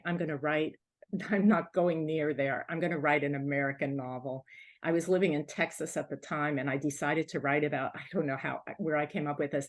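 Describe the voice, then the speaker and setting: A woman author from Morocco, whose first language is French, telling her story on a panel in a reflective, halting way. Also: low-pitched. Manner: reflective, halting, with light laughs.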